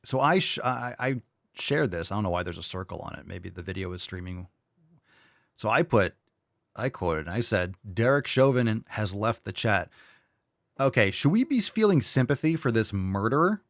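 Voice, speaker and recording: A man hosting a live commentary show, crude and mocking as he reacts. His voice jumps around a lot in pitch. The sound is dry and close, with no room around it. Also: very animated, normal speed, vocal fry, dry recording. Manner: blunt, profane, mocking. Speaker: show host.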